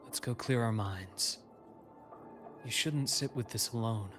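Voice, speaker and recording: An actor playing a calm, secretive male informant in a video game, delivering grave, deliberate exposition. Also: medium pitch, over music, natural voice.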